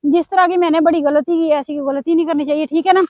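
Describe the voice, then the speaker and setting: In dry, tinny audio with no echo, a middle-aged Pakistani woman speaks quickly in a high, steady voice. She's a vlogger with a sore throat, talking casually to viewers about her complaints and confidences.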